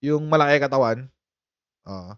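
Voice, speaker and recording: A man's voice: medium pitch, animated, moderate pace, clear, resonant tone, dry recording. A man hosting a casual live-stream political commentary, chatty and laughing often as he talks to his viewers. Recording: dull, muffled lo-fi sound.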